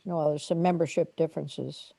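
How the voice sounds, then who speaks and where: Woman, gravelly and dark, lowish voice, halting, throat-clearing. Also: fairly even intonation. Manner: halting, repeats words.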